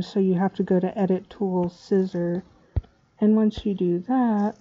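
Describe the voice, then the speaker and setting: A woman giving a casual software tutorial in a hesitant, scatterbrained way, her speech slightly slurred by a dental retainer. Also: lowish voice, dull audio. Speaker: tutorial maker.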